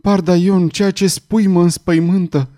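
A man's voice: high voice, fairly even intonation, dark tone, voice pushed up, close to an everyday voice. A man reading an audiobook, voicing a distraught young nobleman who sounds close to tears and agitated. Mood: frightened.

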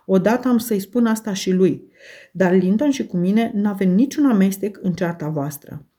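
A woman's voice: medium pitch, mellow, close to an everyday voice. Catherine, a woman voicing an eager teenage girl. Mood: firm. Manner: eager, impulsive, affectionate. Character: lively excited teenage girl.

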